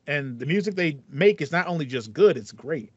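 A thirties man co-hosts a podcast, chatting casually and enthusiastically about video game music and explaining things in a rambling way. His voice sits on the high side with lively intonation, a normal pace, and a slightly rough edge. He's on a video call headset in a small indoor home room lined with foam panels, so the online call audio comes through dry and slightly muffled.

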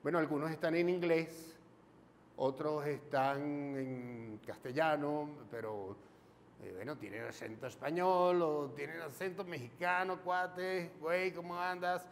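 A man's voice: a little high, measured pace, creaky, in a large hall, a little hiss or hum. Chatty Venezuelan man teaching film. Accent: Venezuelan Spanish. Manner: chatty, explanatory, asks himself questions. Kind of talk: informal video lesson. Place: home studio in front of a green screen.

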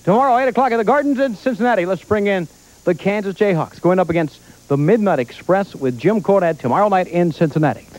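Wrestling promo announcer guy, high voice, reading out the card into a hand mic. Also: animated, fast, darkish tone, rough recording. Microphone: handheld microphone.

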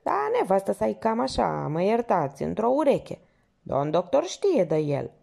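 A chatty, obsequious old theater porter, put on by a woman reading a storybook, with a raised, lively voice that leaps about. His tone stays gravelly and warm as he fawns and exclaims. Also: medium pitch, pitched above the performer's own voice, heavily acted. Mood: gossipy. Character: fawning chatty older male theater porter.

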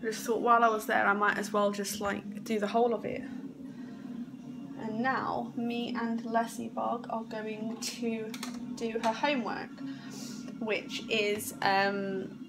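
Congested and sore-throated, the young mother vlogging at home talks unhurriedly in a fairly high, flat voice with vocal fry, rambling with lots of ums. Her phone camera, held at arm's length, picks up a noisy home recording with music behind her in the small house's sofa area, kitchen and garden.

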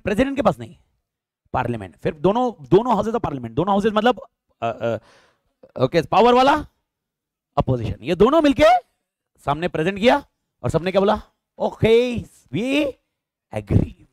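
A man's voice: high voice, dry recording, studio quality. A man teaching law in a live online lecture, asking his students questions and answering them himself, mixing Hindi and English.

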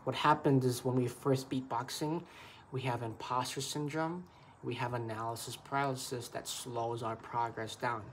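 A man's voice: mid-range voice, steady tone, moderate pace, a little hiss or hum. A man giving an earnest, repetitive, rambling monologue to camera about beatboxing. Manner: earnest, repetitive, loose improvised phrasing. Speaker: beatbox vlogger.

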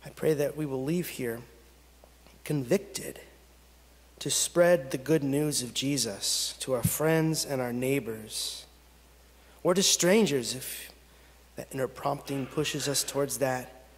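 A man in his thirties, a pastor, leading a pastoral prayer and reading scripture from the pulpit in slow, measured phrases with long pauses. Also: mid-range voice. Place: church sanctuary at a pulpit. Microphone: pulpit gooseneck microphone. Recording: long reverb of a church sanctuary.

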